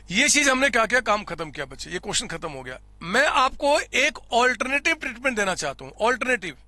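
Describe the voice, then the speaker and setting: A man's voice: high-pitched, vocal fry, pushed and bright. A man teaching an accounting class, explaining step by step, repeating figures aloud and calling his students his children. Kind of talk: classroom lecture. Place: recording studio. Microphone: close studio mic.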